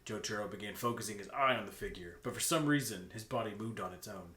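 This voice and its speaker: A fast-talking man with a lowish voice co-hosts a comic fan fiction reading, switching between reading aloud and casual joking banter. He's animated and playful, often cracking up with laughter. The recording sounds roomy, with faint background noise.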